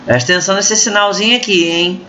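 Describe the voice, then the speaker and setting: Brazilian woman, literature teacher, crisp bright tone, muffled lo-fi recording. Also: mid-range voice, steady tone, fast talker. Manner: explanatory, often checks in with students. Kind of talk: recorded online class explanation.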